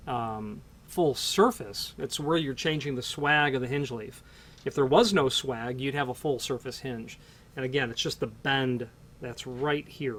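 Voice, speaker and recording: A man explaining door hardware off the cuff, talking in loose, restarting sentences full of fillers. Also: medium pitch. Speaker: hardware product presenter. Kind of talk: unscripted product explanation.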